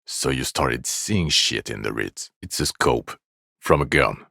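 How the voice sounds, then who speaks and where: A burned-out video game cop speaks in an extremely deep, gravelly voice, a bit slowly and with exaggerated delivery. His sarcastic, irritable lines come out in a tired, contemptuous deadpan, cold and dismissive. The recording is close-miked and dry.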